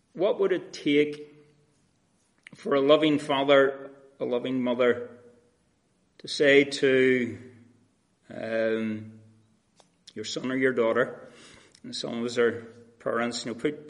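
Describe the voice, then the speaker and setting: A man preaching an earnest, conversational sermon, often restarting his phrases. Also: medium pitch.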